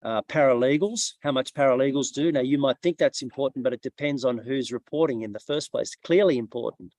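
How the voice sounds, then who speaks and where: A man on an online webinar panel, explaining his points in a measured way with a few restarts. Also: mid-range voice, darkish tone, no echo. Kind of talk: casual online webinar talk.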